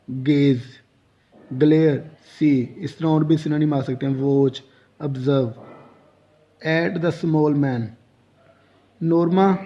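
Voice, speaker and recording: A man with a Pakistani accent giving an English lesson, reading story lines at a slow, careful pace. His voice is dark and gravelly. The recording is dull and lo-fi. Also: a little high, a little hiss or hum. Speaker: English teacher. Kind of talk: lecture reading and translating a story line by line.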